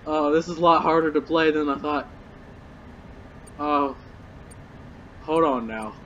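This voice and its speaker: A man's voice: on the high side, measured pace, fairly bright tone. A scared, nervous man with a cracking voice, commenting casually and with plenty of swearing as he streams a horror game. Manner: foul-mouthed. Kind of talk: live gameplay commentary, casual. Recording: dull lo-fi mic, faint game noise.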